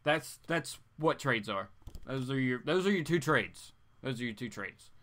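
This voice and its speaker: A man hosts a live stream, chatting informally and rambling as he reads viewer comments, tossing in playful asides that swing from exclamations to mutters. His medium-pitched voice is expressive, unhurried and a bit bright.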